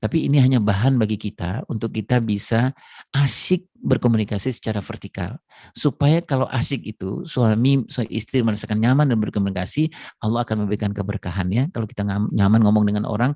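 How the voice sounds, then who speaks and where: A man's voice: lowish voice, fast, dark tone, no echo. A man giving a casual religious parenting talk, chatty and direct with his audience, with many fillers and repeated tag phrases. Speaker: parenting speaker.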